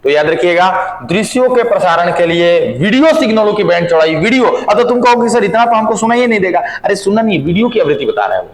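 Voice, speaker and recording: Playful high-voiced male physics teacher. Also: very animated, fast talker, few pauses, echoey room, rough recording. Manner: playful, asks and answers his own questions, acts out little skits. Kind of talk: lively classroom-style lesson.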